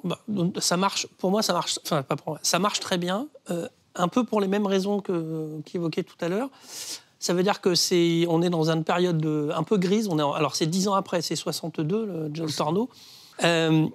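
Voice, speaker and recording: A man discussing cinema history in a casual studio chat. His voice sits a little high, and he stops and restarts often, filling gaps with hesitations. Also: fairly even intonation, moderate pace. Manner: hesitant, many fillers and restarts. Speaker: film history panelist.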